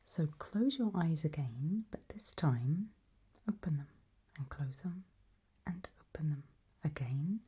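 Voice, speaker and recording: A woman voicing a gentle, eerie undead guide in a whispered role-play, slow and patient, with a breathy, husky whisper as she softly gives instructions. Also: sits low, expressive, full character voice. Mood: patient, coaxing.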